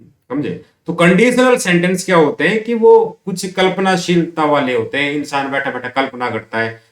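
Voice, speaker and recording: A man teaching English grammar to school students, asking questions and answering them himself, reading English examples out slowly word by word. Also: a little high, echoey room. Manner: explains slowly, asks and answers his own questions.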